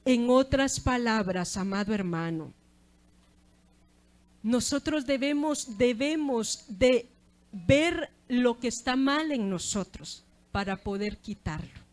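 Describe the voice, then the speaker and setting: A woman's voice: fairly high pitch, animated, takes it slowly. A middle-aged woman preaching a sermon, earnest and often praising God between phrases. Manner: earnest preaching with repeated "gloria sea al Señor".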